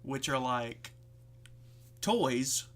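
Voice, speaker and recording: A man's voice: medium pitch, animated, drawn-out words, a bit bright. A man co-hosting a podcast in casual chat, rambling with lots of fillers and swearing freely. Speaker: podcast co-host.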